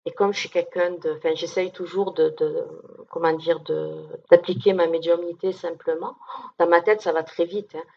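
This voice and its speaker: A woman's voice: on the low side, fairly even intonation, moderate pace, vocal fry, dull audio. A woman medium giving an informal conference talk to an audience, down-to-earth and chatty, often checking in with listeners. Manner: down-to-earth, chatty, many fillers and check-ins.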